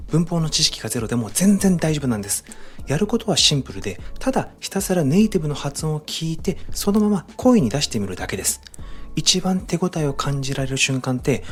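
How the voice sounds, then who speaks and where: A man giving a friendly, upbeat spoken summary of a book, talking straight to the viewer with tips and suggestions, over faint background music. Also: a little high. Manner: upbeat, addresses viewers directly with recommendations. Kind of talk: friendly explanatory narration.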